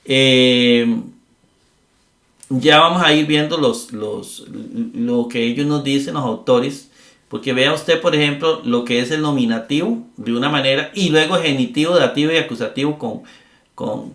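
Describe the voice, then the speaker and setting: A man's voice: mid-range voice, fairly bright tone. Echoey middle-aged man teaching grammar. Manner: explains slowly with many "eh" fillers and tag questions. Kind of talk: recorded lecture.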